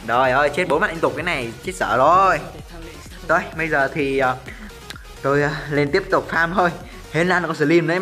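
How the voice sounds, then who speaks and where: A young man giving live gameplay commentary, chatty and self-mocking, who jumps to excited yelling in fights. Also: high voice. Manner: self-mocking, cursing banter. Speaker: gameplay streamer. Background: faint background music.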